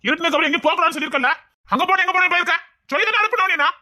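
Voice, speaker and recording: A woman's voice: medium pitch, expressive, rapid-fire, a bit bright. A woman playing a bossy, protective elder relative who scolds sharply, speaking in a family drama. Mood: scolding. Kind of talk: home-made family drama acting.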